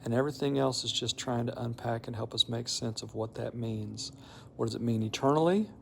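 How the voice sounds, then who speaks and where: Gravelly middle-aged man telling a reflective story. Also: mid-range voice, a little hiss or hum. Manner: measured, with deliberate pauses. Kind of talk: reflective personal storytelling with a devotional message.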